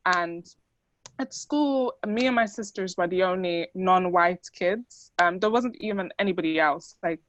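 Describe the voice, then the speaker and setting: A woman's voice: on the low side, a little slow, fairly bright tone, no echo, dull audio. A young woman who grew up in the Netherlands and speaks Dutch as her first language, giving a chatty talk to an audience with many fillers. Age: young adult. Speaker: student speaker.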